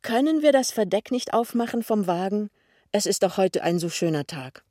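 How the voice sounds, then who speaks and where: A man doing a bright, insistent young wife. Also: high-pitched, lively intonation, moderate pace, no room sound, clean studio sound, pitched above the performer's own voice. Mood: surprised. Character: young woman, cheerful, practical, stubborn.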